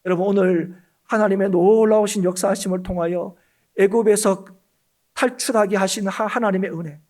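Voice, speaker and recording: A man's voice: sits high, steady tone, moderate pace, darkish tone. A male pastor preaching a Sunday sermon, emphatic and often calling out to the congregation. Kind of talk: Korean church sermon. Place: church sanctuary.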